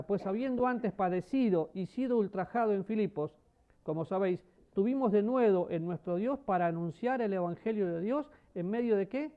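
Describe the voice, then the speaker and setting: A man preaching a sermon, asking the congregation questions and swinging between loud emphasis and soft, low passages. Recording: dull lo-fi sermon recording.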